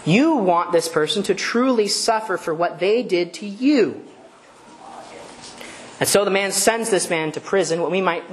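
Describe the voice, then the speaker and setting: Woman preacher, lowish voice, conversational sermon full of rhetorical questions. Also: slight background noise. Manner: conversational, asks rhetorical questions, self-correcting.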